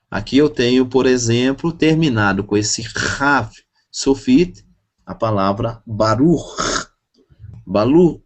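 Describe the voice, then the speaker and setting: A man teaching a class, speaking slowly and repeating each word for his students to drill pronunciation. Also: medium pitch. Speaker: Hebrew teacher. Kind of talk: classroom lesson.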